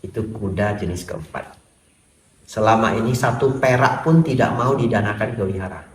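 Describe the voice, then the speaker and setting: A man, a Buddhist monk, gives a lively sermon full of humor and rhetorical questions in a temple hall. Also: on the low side, moderate pace, a little hiss or hum. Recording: echoey hall, far from the mic.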